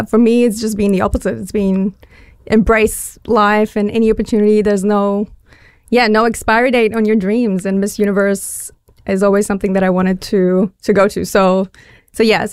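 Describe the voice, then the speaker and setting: A woman's voice: medium pitch, darkish tone, no echo, studio quality. A woman in her forties from Bulgaria, a guest on a radio interview, talking in an upbeat, earnest way. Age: 40s. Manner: upbeat, earnest, with many fillers. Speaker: magazine editor, pageant finalist.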